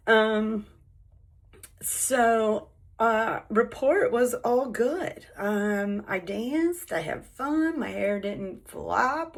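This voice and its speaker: A woman chatting in a casual vlog, bubbly and excitable, sometimes dropping into hushed asides. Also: mid-range voice. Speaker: vlogger.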